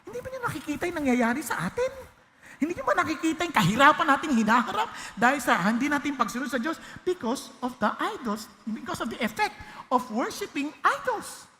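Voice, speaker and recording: Emphatic pastor in a reverberant hall. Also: male voice, very high voice, big pitch swings, a little fast, a little hiss or hum. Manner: mixes English and Filipino, asks the congregation if they are still with him; emphatic, rises to loud exclamations. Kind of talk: sermon.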